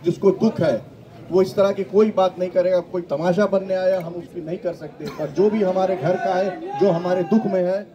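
Man, high voice, earnest grieving appeal, muffled audio, crowd behind. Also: fairly even intonation, moderate pace. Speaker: family member addressing a crowd. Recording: dull sound with crowd noise.

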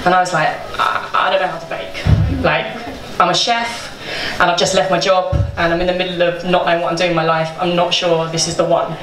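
A woman's voice: fairly low pitch, fairly even intonation, a little fast, few pauses, a bit bright. A young woman on stage telling the story of starting a bakery, chatty, swearing freely and laughing through her words, into a handheld microphone. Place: small indoor event space with a seated audience. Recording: roomy live-event sound, picked up from a distance, with room noise.

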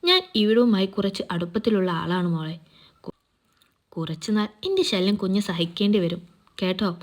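A hearty, protective uncle around fifty, read out by a woman narrator. He talks in a fatherly, chatty way at a plain middle pitch in a storybook reading. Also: moderate pace, natural voice. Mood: fond.

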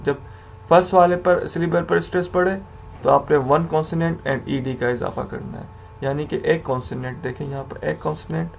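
Patient grammar teacher, man, higher voice. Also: vocal fry, a little hiss or hum. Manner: patient, repeats and spells out examples, self-corrects. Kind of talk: explaining grammar to learners in Hindi-English mix.

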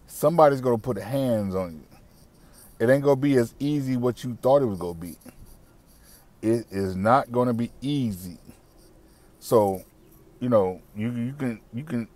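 With a slightly high, slightly mellow voice and no room sound, a middle-aged man rants to camera from a parked car. Recorded on a wired earbud mic, his casual commentary is blunt, preachy, and repetitive, peppered with slang and cussing.

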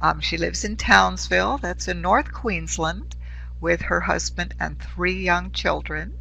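A man chairs an online session and reads out a speaker's introduction, tripping over a few words. His voice is high and bright, with a gravelly edge at the ends of phrases. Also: measured pace, low-quality recording. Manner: stumbling over words while reading an introduction.

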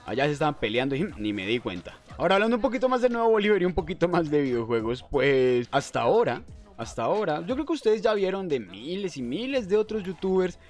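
A man's voice: on the high side, big pitch swings, fast talker. A young man with a Colombian Spanish accent giving casual, slangy, playful commentary as a gaming streamer, speaking close to a desk mic. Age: young adult. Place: indoor room at a desk. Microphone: desktop microphone close in front.

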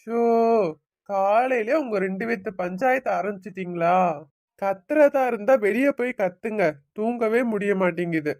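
A woman's voice: medium pitch, moderate pace, darkish tone, no room sound, studio quality, natural voice. A woman voicing a lazy, drowsy young husband caught between his mother and wife in a cartoon. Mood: irritated. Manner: drowsy, whiny.

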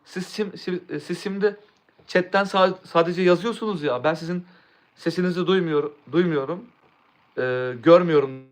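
A man's voice: high-pitched, normal speed. Rambling young male live streamer. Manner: rambling, restarts words, answers chat. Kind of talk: casual live-stream chat.

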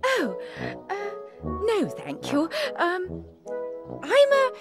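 A dramatic aristocratic English lady in a cartoon game. Her upper-class voice is very high and theatrical, lingering slowly on words, with clear music underneath. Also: wildly swooping pitch, exaggerated voice. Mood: awkward, gracious. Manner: fluttery, theatrical. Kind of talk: animated comedy game cutscene acting. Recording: music behind the voice.

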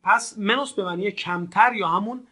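High-voiced man teaching slowly. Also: pushed and bright, slightly rough. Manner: slow, drawn-out model words for repetition; polite, formal address to learners. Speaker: language teacher. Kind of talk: recorded language lesson.

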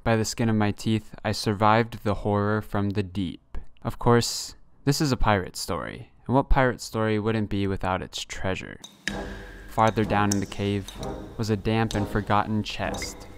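A man narrating a scripted adventure in character as a storyteller, with measured, theatrical delivery. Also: lowish voice, slight background noise.

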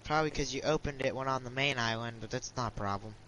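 A man at an ordinary middle pitch chats casually while playing a video game with a friend. He teases her in a matter-of-fact way. Faint hiss sits behind his voice. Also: fast, bright, forceful tone, poor audio. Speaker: gaming partner. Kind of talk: casual gaming chat.

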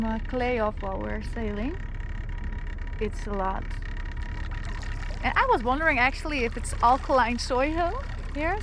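Cheerful young woman, sailing vlog, slightly high voice, action cam on deck. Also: noisy background. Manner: cheerful, chatty, laughs easily. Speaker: sailing vlogger. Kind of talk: casual vlog narration. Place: outdoors on a sailboat deck. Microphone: action camera held at arm's length.

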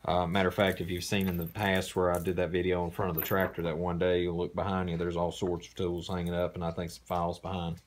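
A man hosting a casual unboxing, talking in a relaxed, rambling way with many fillers, recorded indoors on a camera mic. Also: deep voice, fast talker, hardly any pauses, a little hiss or hum. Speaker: host. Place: indoor room.

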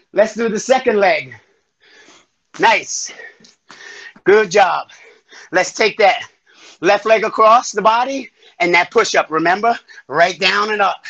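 A man's voice: sits high, takes it slowly, pauses often, dull audio. A man leading a live home workout as fitness instructor, counting down reps, calling out moves and urging people on while breathing hard. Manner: energetic, calls out counts and encouragement.

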